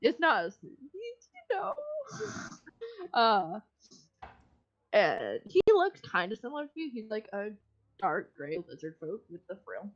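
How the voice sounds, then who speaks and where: A woman game master narrating a tabletop game casually, in a halting, hesitant way. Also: medium pitch, wildly swooping pitch, muffled recording.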